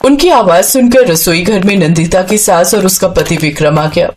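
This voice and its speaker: A woman narrating a scripted moral story in an even, dramatic storytelling manner. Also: on the low side, normal speed, slight background noise.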